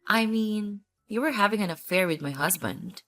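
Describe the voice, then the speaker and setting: A woman's voice: mid-range voice, normal speed, fairly bright tone, soft background music, natural voice. A woman acting a cool, sarcastic betrayed ex-wife in a scripted story, speaking in a cold, curt, dry manner. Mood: dry sarcasm.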